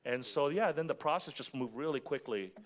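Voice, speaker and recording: A man's voice: fairly high pitch, expressive, a little fast. Reflective man telling his story. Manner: reflective, lists things in short phrases. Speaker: panel guest. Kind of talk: reflective personal story on a panel.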